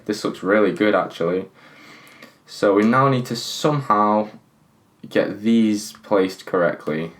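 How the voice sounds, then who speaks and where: A man hosting his own puzzle channel, thinking aloud and pleading with a stiff puzzle as he solves it. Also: fairly low pitch. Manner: talks to the puzzle, pleading and exasperated; thinks aloud, counting pieces. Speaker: puzzle solving channel host. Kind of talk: casual talk while solving a puzzle.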